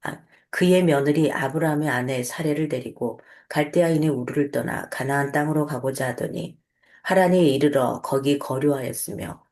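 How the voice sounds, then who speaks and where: A woman who reads scripture aloud in turns, then explains it in a relaxed, conversational teaching manner with fillers and small restarts. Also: very deep voice, normal speed. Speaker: host, Bible teacher. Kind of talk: Bible reading and casual explanatory teaching.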